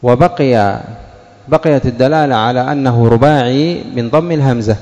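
A man teaching an Arabic grammar lesson in a classroom, questioning students and repeating examples slowly. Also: medium pitch, darkish tone, long reverb tail.

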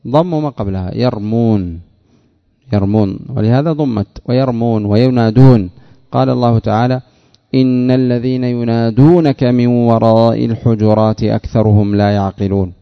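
Male teacher, gravelly voice, quizzes and answers himself, repeats words slowly, muffled lo-fi recording. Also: mid-range voice, fairly even intonation. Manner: asks questions and answers them himself. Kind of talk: Arabic grammar lesson explaining a text. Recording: dull lo-fi recording.

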